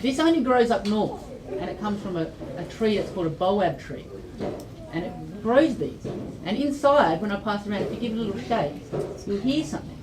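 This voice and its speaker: At normal speed, with lively intonation in a mid-range voice, an Australian woman gives young children an informal educational talk, keeping explanations simple and asking them lots of questions. She presents and tells stories at a library children's event held indoors. The room echoes, the mic is distant, and kids can be heard chattering.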